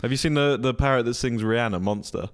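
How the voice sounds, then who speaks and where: A man's voice: medium pitch, fast. A young man co-hosting a casual podcast, jokey, laughing often and swearing casually. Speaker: podcast co-host. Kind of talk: casual chat.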